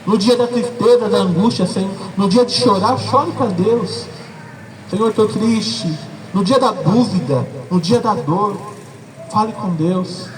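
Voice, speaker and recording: A man's voice: sits high, a little slow, recorded from a distance, background noise. A Brazilian man preaching a sermon as pastor, talking conversationally and emphatically straight to his listeners. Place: church service with a congregation.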